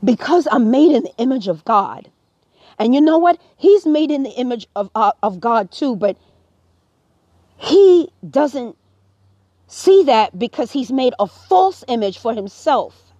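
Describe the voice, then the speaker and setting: An American woman on a live stream talks directly to viewers, her social commentary emphatic and preachy. Her mellow, fairly high voice swings widely in pitch at a measured pace, recorded dry and lo-fi with no echo.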